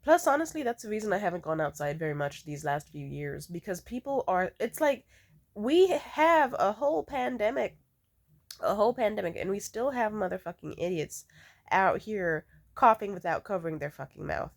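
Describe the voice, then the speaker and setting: A woman with a cold and congested nose chats casually, telling stories in an animated, dramatic, sweary way. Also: mid-range voice, normal speed, gravelly. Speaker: vlogger. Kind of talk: casual rambling storytime chat.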